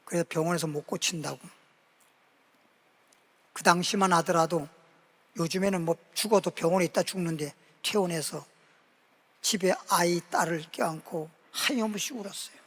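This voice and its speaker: A male pastor delivers a Sunday sermon as a story, voicing the people in it with animation. His voice sits high, and the church hall gives it a long, ringing reverb. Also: moderate pace, pauses often, fairly bright tone. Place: church sanctuary.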